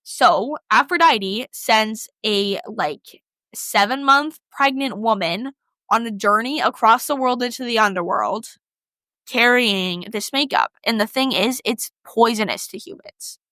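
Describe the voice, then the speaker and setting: A young woman co-hosting a podcast tells a myth in an animated, unhurried way, her voice fairly high with a sharp tone, over a dry recording. She's chatty and slangy, dropping "like" all the time as she tells the story.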